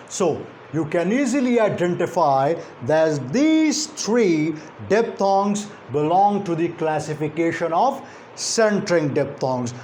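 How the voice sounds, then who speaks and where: A man teaching English pronunciation, speaking deliberately and repeating example sounds slowly. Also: high voice, a little mellow, slight background noise. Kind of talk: phonetics lecture.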